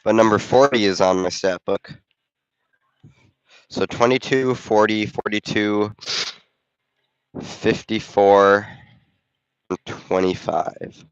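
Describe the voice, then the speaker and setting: A man with a lowish voice talks slowly and steadily, leaving long pauses, his sound smooth and echo-free though the highs are cut off. Congested from a cold, he chats and thinks aloud while giving casual play-by-play and running the camera. He's a volunteer commentator and camera operator at a basketball game in a school gym.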